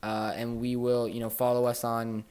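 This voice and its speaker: A man hosting a casual podcast, telling stories in an animated way and swearing often. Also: mid-range voice, normal speed, smooth. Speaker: podcast host.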